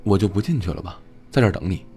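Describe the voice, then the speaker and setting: A man voicing a sharp, probing young woman in an audiobook, questioning pointedly. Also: low voice, lively intonation, racing, faint music behind. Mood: calm.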